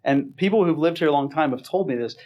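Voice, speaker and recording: A man's voice: a little high, fast, a little mellow, lo-fi sound. Wry self-mocking middle-aged man. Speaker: podcast co-host. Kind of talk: casual chat.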